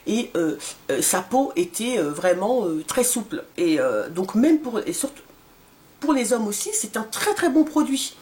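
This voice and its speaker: A woman's voice: mid-range voice, big pitch swings, measured pace, a little mellow. Hesitant woman in her forties reviewing skincare. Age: 40s. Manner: hesitant, many fillers and restarts. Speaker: beauty vlogger. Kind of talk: casual product review.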